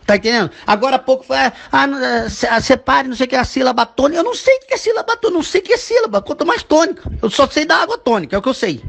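A man's voice: very high voice, very fast, creaky, few pauses, fairly bright tone, full character voice. A man dubbing a fed-up ranting dad. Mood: exasperated rant. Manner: ranting, crude, keeps asking "you understand?". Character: fed-up middle-aged father ranting, crude, exasperated. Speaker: comedy voice dubber. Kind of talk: comedic dub of a voice message.

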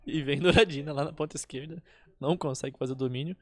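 A man's voice: on the high side, fairly even intonation, fast talker, a bit bright, no room sound. A man with a Brazilian accent calling a football match live in an informal, colloquial way. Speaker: football play-by-play commentator.

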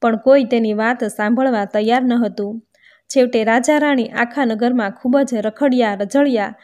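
A woman narrating a folk tale in a steady, read-aloud storytelling manner. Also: on the high side.

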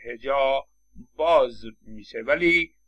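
Guy teaching a phonetics class, bright tense voice, lots of uh's as he explains. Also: mid-range voice. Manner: explanatory, many hesitation fillers. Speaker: phonetics lecturer. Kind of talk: university lecture.

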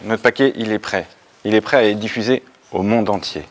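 A man's voice: lowish voice, a little fast. A man from France giving a technical conference talk, with frequent fillers and restarts. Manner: hesitant, many fillers and restarts. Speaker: conference speaker.

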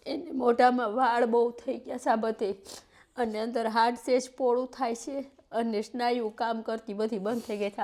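High, pleading woman. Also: darkish tone. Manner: pleading, tearful at times. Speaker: interviewee seeking help. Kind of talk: emotional plea in an interview.

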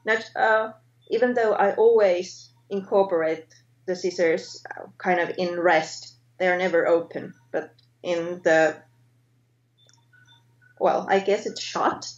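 On a video call from her home art studio, a woman in her thirties from Finland, a guest artist, speaks English hesitantly with a Finnish accent in a casual interview, often breaking off to find words and self-correct. Her voice is on the low side and steady. Sound comes through a webcam, roomy, dull and lo-fi.

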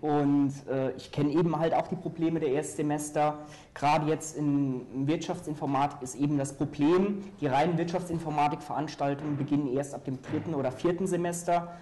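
A young man from Saarland, a student mentor, explaining calmly as a guest in a studio interview. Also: fairly high pitch, a little fast. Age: young adult. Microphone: lapel mic.

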